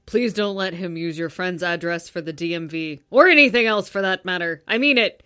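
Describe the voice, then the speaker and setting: A woman voicing a firm, controlling male professor, reading his lines loudly and insistently. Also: lowish voice, a little fast, clear, resonant tone. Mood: stern.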